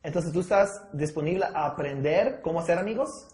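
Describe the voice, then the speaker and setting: High-pitched guy coaching a sales team, keeps asking if u follow, echoey room. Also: fairly quick, a little mellow. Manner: mixes in English words, keeps checking in with listeners. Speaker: sales trainer. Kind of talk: training talk with role-play.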